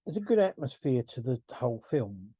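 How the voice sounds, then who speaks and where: A man's voice: mid-range voice, very animated, normal speed, dark tone, slightly rough, no room sound. A middle-aged man hosting a casual film review podcast, rambling, chuckling and correcting himself as he goes. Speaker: podcast host.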